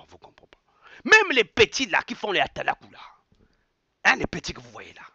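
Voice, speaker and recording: Mocking, gravelly man ranting. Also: high voice, bright, forceful tone, no echo. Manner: repetitive, mocking, exclamatory, mixes in local phrases. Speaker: online commentator. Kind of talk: impassioned rant. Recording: dull lo-fi dry sound.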